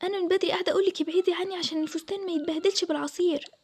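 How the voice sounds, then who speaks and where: A woman's voice: very high-pitched, steady tone, racing, darkish tone, pitched above the performer's own voice. A woman voicing a young bride who is upset and complaining, in an Egyptian accent. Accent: Egyptian Arabic. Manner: complaining, pleading. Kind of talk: Toca Boca roleplay voiceover.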